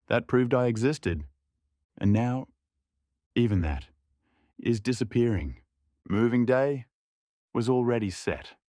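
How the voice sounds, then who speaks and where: A young man narrates a scripted audio drama in a quiet, introspective inner voice. His pitch runs slightly low, and the recording is close, dry, a little mellow, and free of echo.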